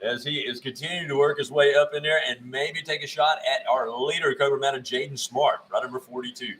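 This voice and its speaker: A man's voice: medium pitch, fairly even intonation, fairly quick, a bit bright, slight background noise. A man commenting live on a motocross race, rattling off lap times and standings in a folksy way.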